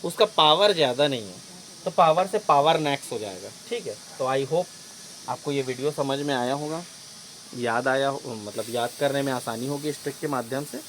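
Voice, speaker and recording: A man's voice: mid-range voice, normal speed, fairly bright tone, slight background noise, rough recording. A male teacher giving an exam-prep lesson, explaining memory tricks step by step and often repeating and checking with "okay".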